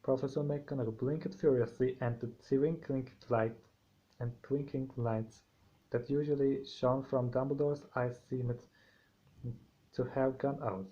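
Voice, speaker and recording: A man with a sore throat reading a novel aloud, halting, with frequent restarts and slips. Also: mid-range voice, steady tone, mellow. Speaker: amateur audiobook reader. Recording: dull lo-fi home recording.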